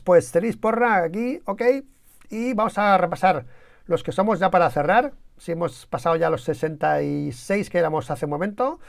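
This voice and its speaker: On his channel's live stream, a Spanish co-host rambles from one anecdote to the next, full of slang and quoting people's shouting. His gravelly, mid-pitched voice has some fry. The sound is dry and close, with no room sound.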